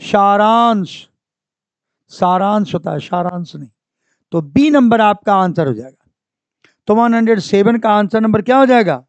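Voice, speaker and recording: A man's voice: high voice, lively intonation, normal speed, a little mellow, no room sound. A man teaching an exam-prep class, who repeats each word and keeps asking the class for answers. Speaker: Hindi grammar teacher. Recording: dry, dull lo-fi sound.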